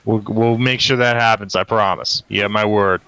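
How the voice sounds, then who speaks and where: A man's voice: lowish voice, fairly even intonation, normal speed, pushed and bright, smooth. A man playing a tabletop roleplaying game, speaking casually in character with an earnest, reassuring manner.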